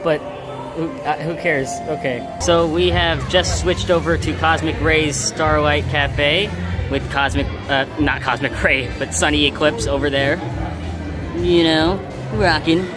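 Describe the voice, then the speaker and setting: Guy vlogging at a theme park, rambly casual chat, loud music behind him. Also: a little high, fairly even intonation, unhurried.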